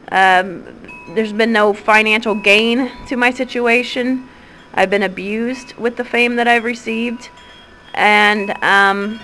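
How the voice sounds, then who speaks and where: This woman, in her thirties and from the American Midwest, leaves a meandering recorded voice message. Her medium-pitched voice is a bit bright, with a little hiss or hum in the audio, and she keeps stalling on ums and restarting her sentences.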